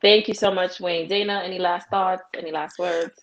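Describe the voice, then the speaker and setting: A woman hosting a casual panel chat, encouraging and quick to laugh. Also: on the low side, steady tone, over a noisy crowd. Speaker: host.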